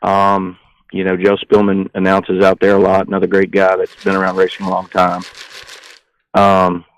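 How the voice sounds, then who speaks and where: A man speaking as a guest in a casual racing interview, halting and full of fillers. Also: low-pitched, completely flat delivery, rough recording.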